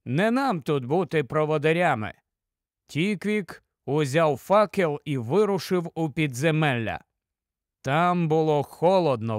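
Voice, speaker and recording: A man narrating an audiobook in a steady storytelling manner. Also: fairly high pitch, no room sound, studio quality. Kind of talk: scripted narration.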